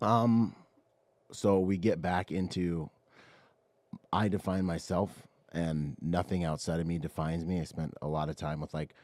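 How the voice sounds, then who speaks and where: Guesting on a podcast, this storyteller from the Bahamas and Washington State speaks with an American accent, relaxed and full of slang as he shares personal anecdotes. He has a deep, darkish voice with fairly even intonation and a measured pace, captured in a dry recording.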